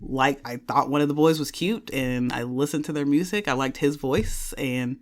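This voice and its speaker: A woman's voice: rumbling low, moderate pace. A woman in her thirties, a podcast host sitting in as the guest, chatting casually and rambling, correcting herself and laughing often.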